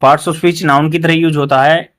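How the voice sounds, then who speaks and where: Indian english guy going through vocab words in hindi, kinda high voice, reads english lines real slow. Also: level tone, a bit bright. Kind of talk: newspaper reading lesson.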